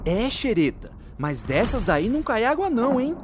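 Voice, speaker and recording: A woman voicing a spirited, husky boy who leads a cartoon gang of young heroes. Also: fairly high pitch, very animated, moderate pace, noisy background.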